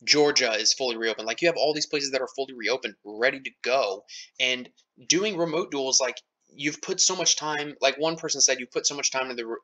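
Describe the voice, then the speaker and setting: Irritated and blunt, with some swearing, this American card player and online commentator vents his opinions over a screen recording. His medium-pitched voice has a sharp edge, and the audio quality is poor.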